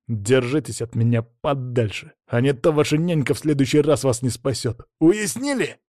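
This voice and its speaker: A man's voice: mid-range voice, lively intonation, moderate pace, darkish tone, dry recording, studio quality, natural voice. A man voicing an angry, defiant teenage boy who snaps and growls sullenly in an audiobook. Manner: snapping, sullen.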